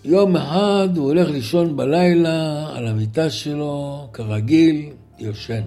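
Gravelly dramatic male preacher. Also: a little high, faint music behind. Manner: dramatic, acts out voices and shouts. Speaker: religious storyteller. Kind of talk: spoken sermon story.

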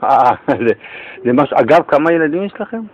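A male radio host telling a story in a lively, excitable way while he interviews a guest. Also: a little high, muffled recording.

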